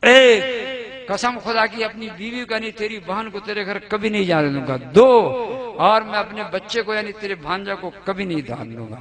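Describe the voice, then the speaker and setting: A man giving a humorous, theatrical religious sermon, moving between a murmur and loud calls to the audience. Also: sits high. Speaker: preacher. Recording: live gathering with crowd noise.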